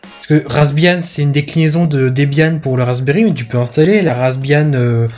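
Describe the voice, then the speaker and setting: A man's voice: a little high, moderate pace, darkish tone, faint music behind. Blunt man podcast co-host. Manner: blunt, swears casually. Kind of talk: casual tech podcast chat.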